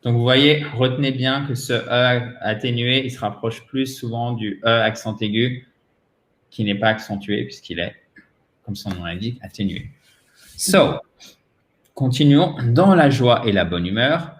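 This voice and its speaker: A man with a French accent, a native French speaker, teaching English pronunciation in a patient way and repeating words slowly for drilling. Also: mid-range voice, echoey room. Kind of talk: pronunciation lesson.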